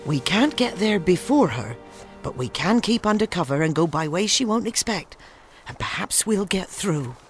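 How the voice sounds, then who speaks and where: A man's voice: high-pitched, very animated, normal speed. An actor playing a cautious, resolute male beaver guide in a radio drama. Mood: determined. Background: music.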